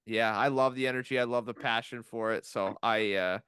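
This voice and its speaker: A man's voice: medium pitch, steady tone, fairly quick, a bit bright, smooth, dry recording. A male interview host asking questions in a laid-back, encouraging way, with many ums and uhs. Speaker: podcast host. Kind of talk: casual interview.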